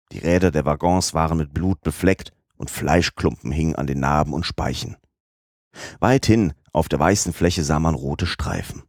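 Man, deep low voice, measured audiobook narration, dry close sound. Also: a little mellow, no echo.

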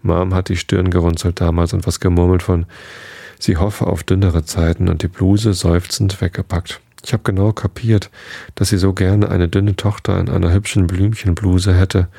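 Male audiobook reader, low and husky, dark tone, dry close recording. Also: little pitch movement, normal speed, no room sound. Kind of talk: reading a novel aloud in first person.

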